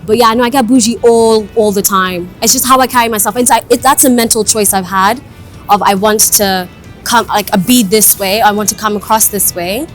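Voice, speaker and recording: A young woman from Kenya talking candidly in a casual vlog, chatty and quick to laugh, recorded outdoors high up on a building. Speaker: vlogger and radio host.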